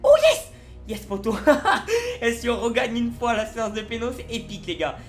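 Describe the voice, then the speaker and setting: A man giving excited live commentary on his own football video game match at home, swinging between loud shouts and low muttering. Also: moderate pace, soft background music. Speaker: gaming YouTuber. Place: at home alone.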